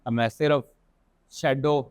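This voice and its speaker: A man with an Indian accent teaching software in a casual screen-recorded tutorial, thinking aloud and correcting himself as he goes. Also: medium pitch, fairly even intonation, a little slow, clean tone, no echo. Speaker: software instructor.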